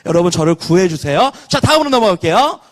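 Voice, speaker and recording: Children's pastor, man in his thirties, high-pitched, keeps quizzing the kids. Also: quick pace. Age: 30s. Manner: lively, asks children questions and leads call-and-response. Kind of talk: online children's sermon.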